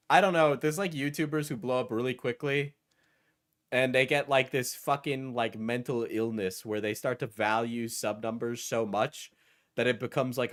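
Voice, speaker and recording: A man with a mid-pitched voice delivers off-the-cuff reaction commentary. He is blunt and mocking, swearing freely as he talks back at what he is watching.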